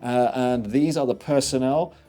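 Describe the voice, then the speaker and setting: A man's voice: mid-range voice, moderate pace, mellow, faint music behind. Playful man co-hosting a board game. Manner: playful, teasing, reads rulebook text with flourishes. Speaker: board game channel co-host. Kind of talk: game playthrough narration.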